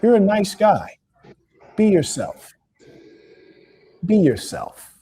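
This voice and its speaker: A high-pitched man hosts a heated call-in debate. He lectures in a dismissive way and talks over the caller again and again. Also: wildly swooping pitch, slow pace, dark tone, slightly rough. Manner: lecturing, dismissive, keeps interrupting. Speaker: debate show host.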